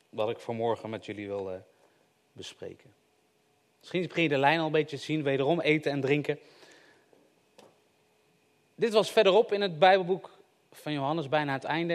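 Chatty preacher with a higher voice. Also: male voice. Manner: conversational, joking asides, addresses the audience directly. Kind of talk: informal sermon.

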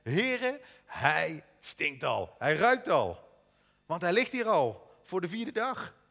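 Man reading a grieving woman, raised urgent voice, lively pitch, long reverb. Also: slow pace, creaky, exaggerated voice. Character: Martha, grieving woman, blunt and anxious.

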